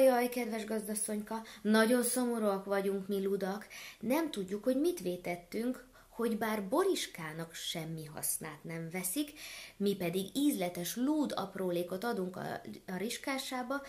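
A woman's voice: medium pitch, darkish tone, close to an everyday voice. A woman voicing a sorrowful young goose who wails out a complaint in a storybook tale. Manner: wailing, sorrowful. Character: mournful young goose, lamenting to farmwife.

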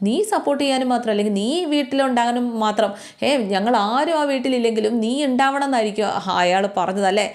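A woman's voice: on the high side, quick pace, hardly any pauses, pitched above the performer's own voice, close to an everyday voice. A woman voicing a bitter, jealous middle-aged wife who speaks in a scornful, accusing way.

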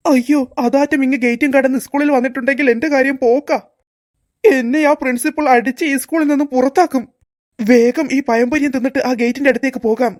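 A woman's voice: high-pitched, fairly even intonation, fast talker, a little mellow, natural voice. A woman voicing a sneaky middle-aged male school security guard in a cartoon, muttering fondly to his snack and fretting about the principal. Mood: fretful. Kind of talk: cartoon voice acting.

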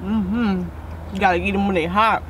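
A young woman in her twenties chatting casually in a car, telling a relaxed story with her mouth partly full of fries. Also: mid-range voice, a little slow. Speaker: vlogger answering viewer questions. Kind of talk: casual chat over food. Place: inside a car. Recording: outdoor traffic noise around a car.

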